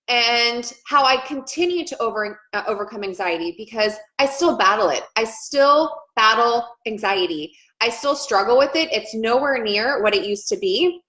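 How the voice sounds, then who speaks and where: A woman's voice: on the high side, pushed and bright. A woman in her thirties, a nurse, sharing her own story earnestly and emotionally, repeating phrases as she goes. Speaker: nurse and vlogger. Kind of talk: personal testimony vlog. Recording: echoey room.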